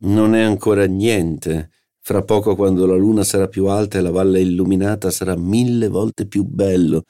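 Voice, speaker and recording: A man's voice: low-pitched, fairly even intonation, moderate pace, mellow, voice pushed up, lightly acted. A man voicing a haughty, condescending older society hostess in an audiobook. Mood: scornful. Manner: condescending, affected.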